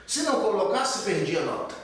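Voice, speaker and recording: An older male teacher works through grammar exercises in a fairly high voice, posing a question and then answering it himself. He sounds set back from the mic, in a strongly echoing room. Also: big pitch swings, brisk, a bit bright. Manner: explanatory, asks and answers his own questions. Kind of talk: recorded Portuguese grammar lesson. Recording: echoey room, voice from a distance.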